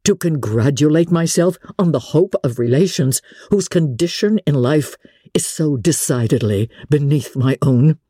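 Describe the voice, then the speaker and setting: Woman reading as proud Mr Darcy, low and mellow. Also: lively intonation, slightly rough, no echo, clean studio sound, heavily acted. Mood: proud, bitter. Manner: formal, measured, disdainful. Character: proud, haughty wealthy gentleman, contemptuous and stiff.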